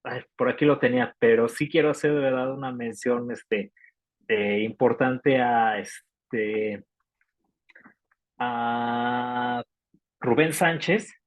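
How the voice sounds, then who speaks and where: A man's voice: mid-range voice, steady tone, takes it slowly, no echo, lo-fi sound. Chatty Mexican man, dry close sound. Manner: rambling, many fillers. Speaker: music reviewer. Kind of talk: casual panel chat.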